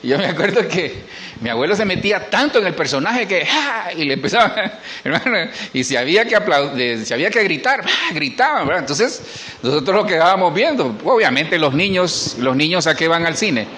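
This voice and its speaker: A man's voice: a little high, very animated, a little fast, pushed and bright. A middle-aged man, a pastor preaching a sermon in church and asking the congregation questions. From Honduras.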